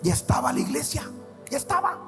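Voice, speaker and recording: A man's voice: fairly quick, over music. A man, a pastor preaching a sermon and telling personal stories in an earnest way. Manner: earnest storytelling, addresses listeners as "amado".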